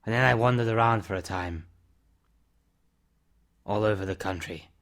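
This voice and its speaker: Here the same kind of role: an older, reclusive figure in an amateur audio drama, played by a man with a lowish voice. He sounds steady and paternal, clipped and deliberate, speaking in a hushed, confiding way.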